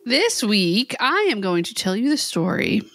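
A woman's voice: mid-range voice, sing-song, normal speed, over loud music. A woman co-hosting a podcast in casual chat, laughing often and swearing freely. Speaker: podcast co-host.

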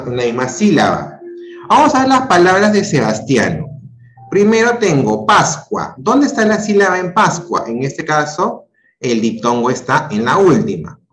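Male teacher on a video call, slow and animated, patient and questioning, roomy echo. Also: mid-range voice. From Peru. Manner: patient, questioning, repeats words to check answers. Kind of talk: online class explanation.

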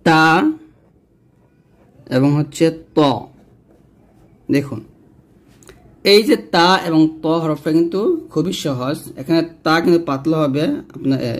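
A man teaching Quran reading, repeating letter sounds slowly and deliberately between explanations. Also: on the high side. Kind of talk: slow drilled letter pronunciation lesson.

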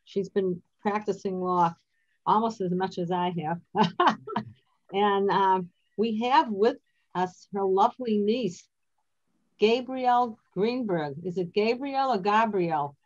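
Older female host, middle pitch, chatty and rambling, muffled video-call sound. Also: slow. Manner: chatty, rambling, laughs easily. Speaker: host, attorney. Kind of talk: casual talk-show chat.

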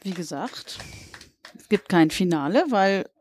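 A woman's voice: lowish voice, expressive, measured pace, darkish tone, slight background noise. A woman hosting a poetry slam, speaking casually from the stage. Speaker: slam host.

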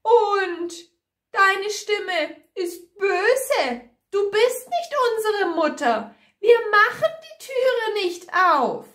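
A woman voicing a chorus of little goat kids who refuse to open the door, in a high, insistent voice. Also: big pitch swings, very slow, fairly bright tone, exaggerated voice. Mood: defiant. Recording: echoey room.

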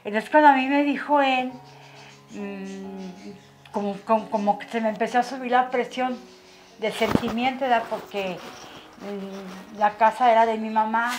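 A woman's voice: on the high side, steady tone, a little slow. Older mother telling family stories. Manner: emotional storytelling, acts out quoted dialogue. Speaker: interviewee, mother of the channel owner. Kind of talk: casual family interview.

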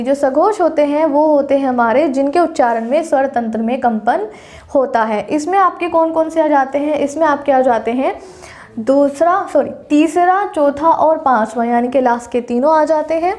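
A woman's voice: high voice, normal speed, a little mellow. A young woman giving a Hindi grammar lesson, reciting the consonants one by one and explaining each point step by step, correcting her own slips as she goes. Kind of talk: classroom lecture.

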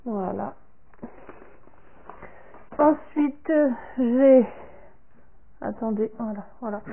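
Woman vlogger, casual unboxing talk to camera, halting, thin phone-line sound. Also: on the high side, creaky, a little hiss or hum. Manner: slow and halting, repeats "comme ceci" and "voilà", trails off softly. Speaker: vlogger showing a product order.

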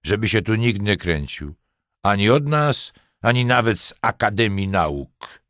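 A man's voice: sits low, animated, normal speed, no echo, studio quality, pitched above the performer's own voice. Man doing a stern, mocking police lieutenant. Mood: curt. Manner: curt, mocking, commanding.

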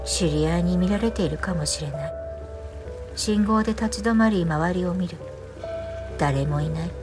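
A woman reading a scripted first-person ghost story in a hushed, eerie storytelling manner. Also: on the low side, moderate pace. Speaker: horror story narrator. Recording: music and rain under the voice. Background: music, rain.

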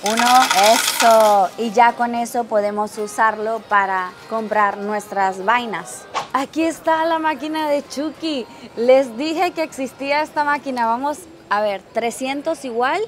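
A woman giving casual vlog commentary as she shops for capsule toys in a busy Japanese toy shop. She is chatty and excitable and laughs often. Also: a little high, measured pace, few pauses. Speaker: travel vlogger. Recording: noisy shop ambience.

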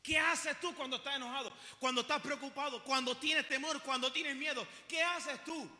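A man's voice: very high voice, steady tone, moderate pace, bright, forceful tone, in a large hall. A man preaching a sermon in a church, full of passionate rhetorical questions and humorous asides. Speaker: pastor. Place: church sanctuary.

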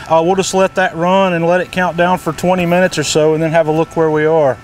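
A middle-aged man with a voice a little high for a man narrates a casual product tutorial as the demonstrator. He walks through each step in a folksy, how-to manner while outdoor ambient noise plays behind him.

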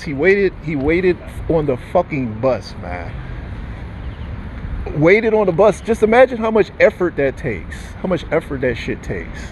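A man's voice: on the high side, darkish tone, slight background noise, low-quality recording. A man ranting angrily and cursing as he walks outdoors, recording on his phone. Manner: angry, cursing, repetitive ranting. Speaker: vlogger. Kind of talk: profane walking rant to phone camera. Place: outdoors in a parking lot. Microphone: phone held while walking.

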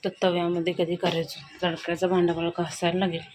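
A woman's voice: lowish voice, monotone, fast. A young woman with a Marathi accent narrating her household chores in a casual home vlog, chatty and talking as she works. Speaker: vlogger, homemaker and mother. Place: home kitchen. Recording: loud background noise at home.

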